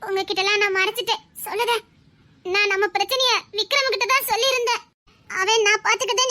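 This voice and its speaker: This is a secretive young village woman with a very high, bright voice and a Tirunelveli accent, as a woman plays her in an audio drama. She talks fast in broad dialect, keeping her plans to herself. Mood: confessing. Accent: Tirunelveli Tamil.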